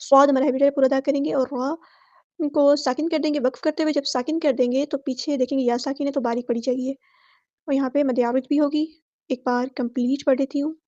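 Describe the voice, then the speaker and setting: A woman with an Urdu accent teaching Quran recitation rules word by word, explaining each rule quickly and then reciting the words slowly and loudly. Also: high voice, steady tone, dry recording, muffled recording. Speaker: tajweed teacher.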